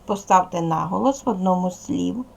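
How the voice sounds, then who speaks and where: Creaky-voiced woman teacher giving a lesson. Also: fairly low pitch, fairly quick, darkish tone. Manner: patient, clear instructions to children. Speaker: primary school teacher. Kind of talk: recorded video lesson for children.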